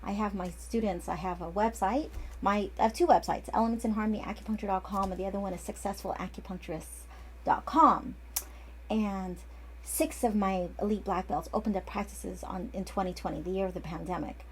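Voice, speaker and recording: A woman's voice: mid-range voice, steady tone, brisk, a little hiss or hum. A woman in her forties, an acupuncturist, giving a casual, chatty lesson that often wanders off and restarts. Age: 40s. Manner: chatty and digressive, with frequent restarts. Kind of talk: casual instructional talk.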